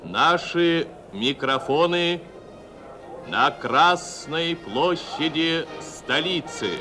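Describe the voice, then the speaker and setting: A man's voice: on the high side, expressive, drawn-out words, music in the background. A man making an official radio announcement in a solemn, declamatory manner, on an archival broadcast.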